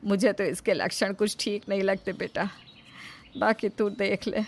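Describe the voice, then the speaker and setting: A woman voicing a scolding, sharp-tongued older mother-in-law in an animated story. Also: mid-range voice, unhurried, a little hiss or hum, natural voice. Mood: bitter. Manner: scolding, rustic speech.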